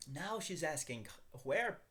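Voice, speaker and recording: Brief: Brazilian man teaching Portuguese in English, animated pitch, upbeat, repeats examples slowly. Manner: upbeat, repeats phrases slowly, laughs at himself. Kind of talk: language lesson, mixing English explanation with Portuguese examples.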